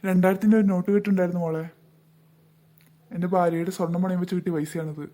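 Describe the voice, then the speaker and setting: A performer voicing a sly adult male con man in a cartoon, who fakes pleading with children, with a mellow voice. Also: medium pitch, steady tone, quick pace, close to an everyday voice. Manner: fake pleading, then gloating. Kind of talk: cartoon voice acting.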